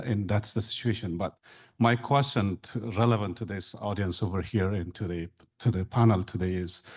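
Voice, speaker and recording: Husky-voiced man from Afghanistan. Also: lowish voice, darkish tone. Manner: earnest, halting. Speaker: audience member asking a question. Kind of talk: audience question at a panel.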